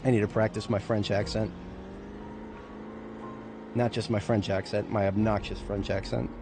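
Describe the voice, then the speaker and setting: A man's voice: lowish voice, flat delivery, moderate pace, vocal fry, background noise. A man giving casual, rambling commentary on a game as a streamer, with playful, self-mocking remarks. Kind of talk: casual let's-play commentary.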